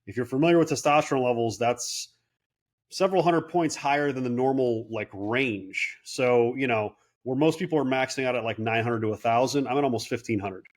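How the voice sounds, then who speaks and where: Guest, man, late 30s, casual and animated, mid-pitch, acts out quotes. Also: brisk. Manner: animated storyteller, quotes people in voices. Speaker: guest, clinic owner. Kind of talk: casual interview talk.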